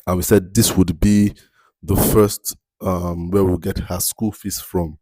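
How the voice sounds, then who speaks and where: A man in his thirties hosting a podcast, speaking in a motivational monologue, repeating key phrases and slowing down to stress his points. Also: low voice, flat delivery, dark tone, no echo. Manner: repeats key phrases, asks "you understand?". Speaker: podcast host.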